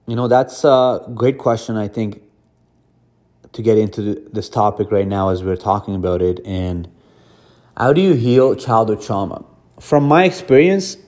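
A man's voice: lowish voice, mellow. A man who grew up in Afghanistan, hosting a podcast and talking earnestly to listeners in a reflective self-help monologue, often repeating himself. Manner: earnest, repetitive, addresses listeners directly. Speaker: podcast host.

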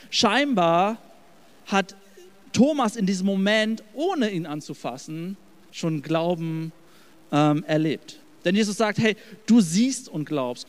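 A man preaching a casual sermon in a church that is also streamed online, retelling Bible stories with lively asides. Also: high voice. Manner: lively, acts out quotes with asides. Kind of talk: casual youth-style sermon.

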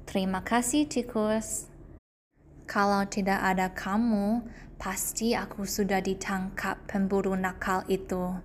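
A woman voicing a hungry, boastful big male lion in a storybook, speaking loudly and bossily. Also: mid-range voice, flat delivery, unhurried, a little hiss or hum, lightly acted. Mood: grateful. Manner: loud, gloating, bossy.

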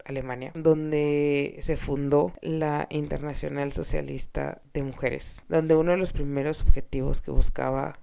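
Nasal, congested woman with a creaky low-key voice. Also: warm tone. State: sick with a cold. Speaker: podcast host, clinical psychologist. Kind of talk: semi-scripted podcast monologue.

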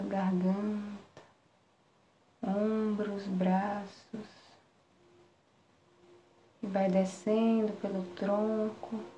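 A Brazilian woman with a Brazilian Portuguese accent leads a live guided relaxation meditation in a soft, soothing, spa-like style, leaving long pauses between brief phrases. Her pitch is medium, and the recording has a roomy echo with faint background noise.

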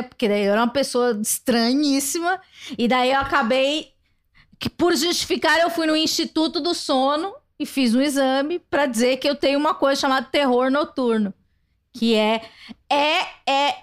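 A high-pitched woman from Brazil hosts a casual podcast chat. She tells stories with animated energy and laughs often. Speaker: podcast host.

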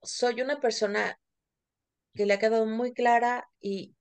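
A woman's voice: a little high, fairly even intonation, a little slow, a little mellow, clean tone. A middle-aged Mexican woman co-hosting a podcast, talking candidly and casually with plenty of fillers. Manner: candid, confessional, many fillers. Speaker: podcast co-host.

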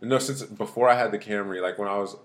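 A man's voice: lowish voice, fairly even intonation, fast. A man podcast co-host telling stories in casual, slangy frat-bro banter, swearing freely and acting out exchanges.

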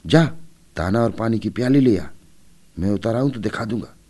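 A man's voice: on the low side, animated, normal speed, warm tone, voice pushed up. A man voicing a bossy, anxious young boy who scolds his little sister in a storybook reading.

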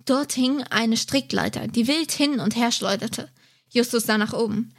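Woman reading a story out loud on a podcast, calm steady pace, kinda high voice. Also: a little slow. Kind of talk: reading a novel excerpt aloud.

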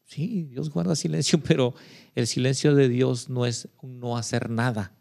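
A man's voice: mid-range voice, fairly even intonation, gravelly, darkish tone. Agreeable man in faith talk. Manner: agreeable, quick affirmations. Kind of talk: casual faith conversation.

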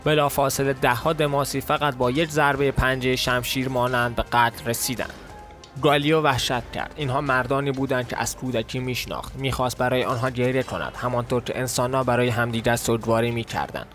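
A man, the host, reading a fantasy tale aloud in a steady, measured storytelling voice. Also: mid-range voice, soft background music. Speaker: podcast host and narrator. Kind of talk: storytelling narration.

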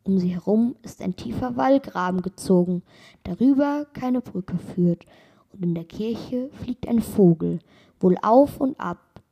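A woman voicing a calm, sly old man in a read-aloud fairy tale, speaking slowly and with gentle amusement. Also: medium pitch, husky.

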